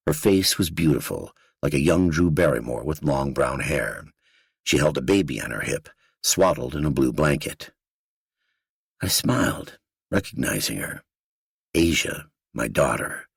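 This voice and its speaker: A man with an extremely low, gravelly, husky voice tells a first-person true crime story for an audiobook. His delivery is blunt and gritty, with casual profanity. The sound is dry and close, with no room echo. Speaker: audiobook narrator.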